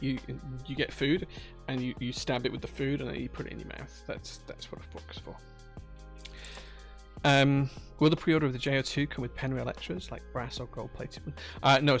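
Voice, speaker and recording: A streamer building keyboards speaks with a creaky, medium-pitched voice and a Yorkshire accent. He chats casually on his live stream, reading out viewer messages in a jokey, rambling way.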